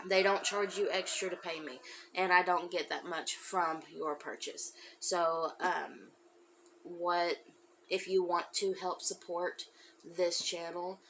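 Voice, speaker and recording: A woman's voice: on the low side, fairly even intonation, slow, fairly bright tone, slight background noise, low-quality recording. A woman hosting a crafting podcast, chatting casually with lots of fillers, and sounding a bit congested. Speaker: podcast host. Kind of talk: casual chat.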